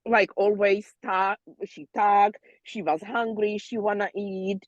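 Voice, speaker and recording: A woman, a doula student, casually telling peers about a birth in halting, non-native English full of fillers and restarts. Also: medium pitch, flat delivery, no echo, highs cut off. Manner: non-native phrasing, loose grammar.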